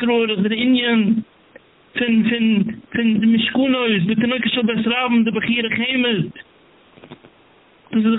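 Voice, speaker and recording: A man giving a rabbi's sermon lecture, chanting in repetitive, drawn-out phrases. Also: very high-pitched. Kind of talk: Yiddish-laced sermon lecture. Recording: tinny phone-line audio with hiss.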